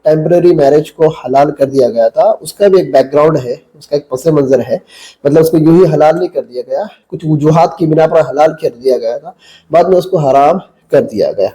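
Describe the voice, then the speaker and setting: A man's voice: fairly high pitch, warm tone, low-quality recording. A male mufti giving a religious talk to camera, telling a story and then preaching in a blunt, combative, lecturing way. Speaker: mufti, Islamic cleric.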